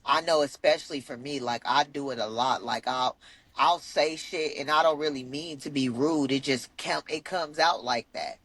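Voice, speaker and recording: A woman's voice: low-pitched, moderate pace, fairly bright tone. A woman co-hosting a podcast in casual chat, candid and venting, swearing freely. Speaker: podcast co-host.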